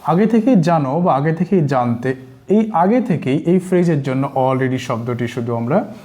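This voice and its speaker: A man with a Bengali accent teaching spoken English, explaining slowly and repeating example sentences in two languages. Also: fairly high pitch, animated, warm tone. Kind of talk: language lesson.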